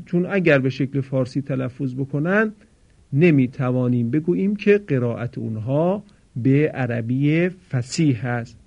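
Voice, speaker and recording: A man teaching pronunciation to listeners. He explains formally and says model words slowly and loudly for them to repeat. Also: medium pitch, highs cut off. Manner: slow, loud, drawn-out model words for repetition. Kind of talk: recorded pronunciation lesson for listeners.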